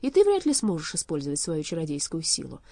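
A woman voicing a calm, wise good sorceress who speaks in a firm, measured way. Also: low-pitched, no echo, exaggerated voice. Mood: serious.

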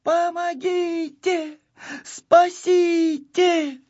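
A man's voice: high voice, very animated, takes it slowly, husky, voice pushed up, heavily acted. A man voicing a timid, tearful little boy shorty who whines and wails, on a slightly dull recording. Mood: wailing. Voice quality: whiny, wailing.

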